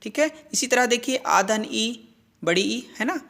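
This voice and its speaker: A man's voice: high-pitched, animated, measured pace, vocal fry, sharp tone. A man teaching grammar in a video lesson, who asks a question and then answers it himself. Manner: repeats questions and answers them, frequent "ठीक है". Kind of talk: slow classroom-style explanation.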